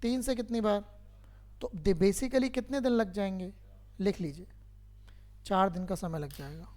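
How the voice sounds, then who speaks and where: A man's voice: sits high, a little slow, darkish tone. A man teaching a math lesson to a class, who keeps quizzing his students and patiently repeats each step.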